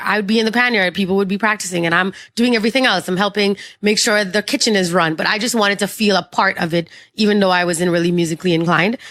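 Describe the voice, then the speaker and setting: A woman's voice: mid-range voice, fairly bright tone, no echo. Chatty Trinidadian woman, dry close sound. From Trinidad and Tobago. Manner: chatty and open, lots of you-knows and likes. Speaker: guest. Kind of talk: casual interview conversation.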